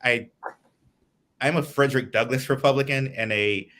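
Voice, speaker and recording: A man's voice: mid-range voice, normal speed, fairly bright tone. A man from Guyana, a political candidate, giving earnest, lengthy answers in an interview over a video call.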